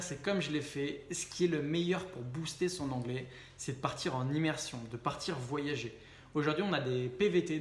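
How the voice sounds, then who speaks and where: A young French man talking casually to camera, chatty, with frequent fillers and quick self-corrections. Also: on the high side, reverberant. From France. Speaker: vlogger and speaking coach.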